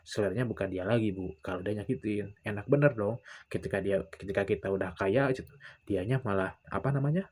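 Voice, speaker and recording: A man's voice: low voice, darkish tone, husky. A young man, casually telling stories to the camera and acting out what other people said. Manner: retells conversations with others, often acting out their lines. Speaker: vlogger.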